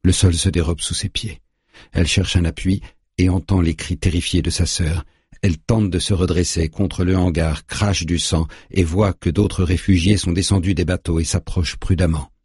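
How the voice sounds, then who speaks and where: A man narrating an audiobook in a grave, measured way, recorded on a close studio mic. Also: deep voice, fairly even intonation, darkish tone, breathy edge, dry recording.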